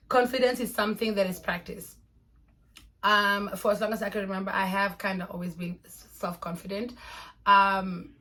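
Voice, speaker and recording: A woman's voice: on the low side, a bit bright, poor audio. A woman, giving casual, earnest life advice in a vlog and repeating her points for emphasis. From Namibia. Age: 20s. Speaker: vlogger.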